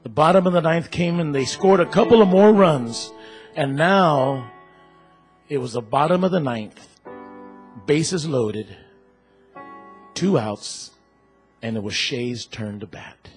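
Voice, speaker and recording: Slow, deliberate male church storyteller. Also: a little high, soft background music.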